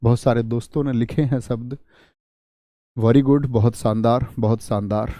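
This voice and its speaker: A man's voice: medium pitch, fairly even intonation, unhurried, dark tone, dry recording, studio quality. A man teaching an online exam-prep lesson, often asking questions and then repeating the answers himself.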